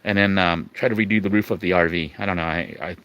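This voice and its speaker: Bright-voiced man in a rambling casual walkthrough. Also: low-pitched, steady tone, fast, dry recording, lo-fi sound. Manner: informal, rambling, hesitant delivery with repeated 'you know'. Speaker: vlogger giving a home update. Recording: faint background noise and ambience.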